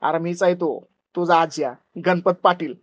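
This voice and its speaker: A man's voice: high voice, steady tone, normal speed, no room sound, muffled recording, natural voice. A man voicing a kindly, teasing old male grandfather ghost in rustic village speech. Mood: gentle teasing.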